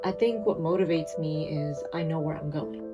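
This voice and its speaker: Low-pitched woman, earnest interview guest. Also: moderate pace, over loud music. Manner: earnest, repeats phrases. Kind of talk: reflective casual interview talk.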